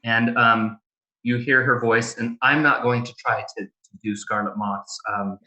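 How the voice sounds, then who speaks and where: Male game master, improvised narration with halting pauses, crisp bright tone, echoey room. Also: mid-range voice, steady tone. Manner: halting, pausing mid-phrase.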